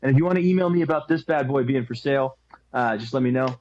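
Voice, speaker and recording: A man's voice: mid-range voice, fast talker, a little mellow, lo-fi sound. A man co-hosting a podcast, chatting casually with friends in a laid-back, joking way. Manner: laid-back, jokey storytelling. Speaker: podcast co-host. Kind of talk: casual chat among friends.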